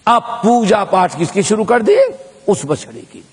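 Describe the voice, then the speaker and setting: A man delivers a storytelling sermon in a fairly high voice with a husky edge. He keeps checking in with his listeners through rhetorical questions. His words trail off into the long reverb of a big hall. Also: lively intonation. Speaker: preacher giving Quran commentary. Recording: long echo of a large hall.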